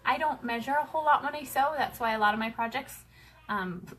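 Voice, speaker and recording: A woman hosting a casual sewing tutorial at home, talking fast and chatty with lots of fillers. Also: on the high side, a bit bright, low-quality recording. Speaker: craft show host demonstrating sewing. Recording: clear background noise with clicks.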